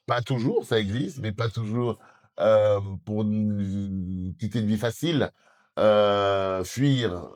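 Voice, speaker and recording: Earnest French man, halting interview answers. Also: lowish voice, a little mellow. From southwest France. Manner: earnest, many hesitations and restarts. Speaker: TV documentary presenter, interviewee.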